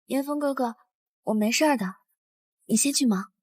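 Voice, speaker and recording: A woman's voice: a little high, big pitch swings, moderate pace, no room sound, studio quality. A young woman playing a sweet-talking, scheming mistress in a drama. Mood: sugary. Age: young adult. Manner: sugary, ingratiating. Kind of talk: TV drama acting.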